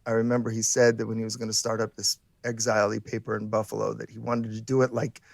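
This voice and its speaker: A man's voice: fairly low pitch, little pitch movement, quick pace, vocal fry, no room sound, clean studio sound. A man co-hosting a podcast, talking casually and rambling with many restarts and fillers. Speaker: podcast co-host. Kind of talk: casual conversation.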